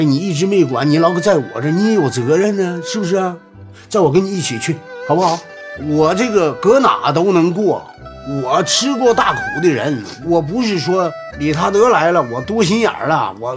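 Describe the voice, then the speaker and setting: Earnest, halting country man, fairly high voice, strong violin music behind. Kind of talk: TV drama acting.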